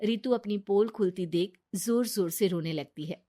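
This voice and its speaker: A woman storyteller reading a cartoon bedtime story aloud in scripted narration. Her voice is mid-pitched and plain, with a steady, even delivery. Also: moderate pace.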